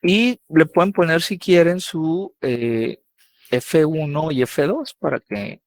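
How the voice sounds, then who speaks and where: A man's voice: on the high side, slow pace. A man teaching a live online coding lesson, casual and checking in with students often.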